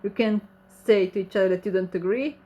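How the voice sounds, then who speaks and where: Here the Croatian host of the casual livestream Q&A speaks at a medium pitch, a little fast, with a warm tone, though the high frequencies are cut off. She's a native Croatian speaker with a matching accent who reads out viewer comments and answers them in friendly, slightly broken English.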